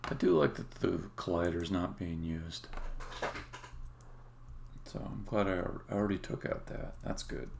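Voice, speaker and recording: A game developer streams his work, thinking aloud hesitantly in casual live-coding commentary. His deep, darkish voice is creaky yet has lively intonation, moving a little slowly with frequent pauses. Faint noise, keyboard typing and mouse clicks run through the recording.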